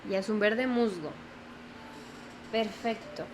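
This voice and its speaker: A patient young watercolor instructor talks the viewer through a painting one step at a time, explaining slowly and pausing to check in often. Her pitch is average for a woman, and low background hiss is audible.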